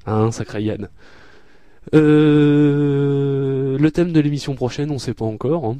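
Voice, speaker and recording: A man's voice: mid-range voice, slow, warm tone, clean tone, no echo. A man hosting a radio show in casual chat, hesitant and full of filler sounds, teasing his co-hosts.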